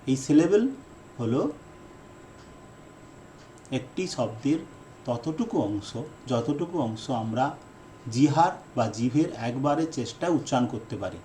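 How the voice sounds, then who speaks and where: A deliberate, repetitive man teaching a lesson. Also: medium pitch, lively intonation, mellow, slight background noise. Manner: repeats key definitions, switches between Bengali and English; slow deliberate phrasing with fillers. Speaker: English teacher. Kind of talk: explanatory lesson lecture.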